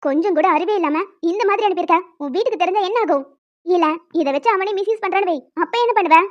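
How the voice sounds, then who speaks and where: A woman voicing a stern young female professor who lectures and scolds in an animated story. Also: very high voice, quick pace, highs cut off.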